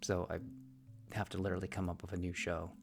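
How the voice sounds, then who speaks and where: Speaking fast in a low, level voice, this man livestreams casually from a shared-house room whose thin walls echo. His talk rambles along with frequent fillers and restarts, over clear background music.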